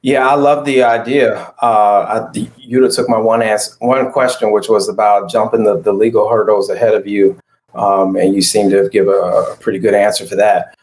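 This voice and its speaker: A man's voice: fairly low pitch, fairly even intonation, normal speed, a little mellow, poor audio. A man giving brief, casual feedback as a judge.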